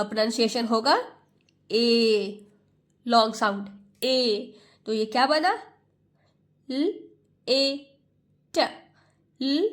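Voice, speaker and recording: A woman teaching English pronunciation in Hindi, sounding out each letter and patiently repeating every word. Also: on the high side. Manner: sounds out letters slowly, one by one. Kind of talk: Hindi phonics lesson.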